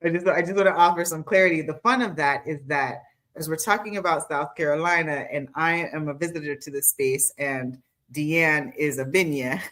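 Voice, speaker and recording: A woman's voice: deep voice, normal speed, fairly bright tone. A woman co-hosting a casual podcast, talking in an emphatic, explanatory way. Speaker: podcast co-host. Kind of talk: casual conversational podcast talk.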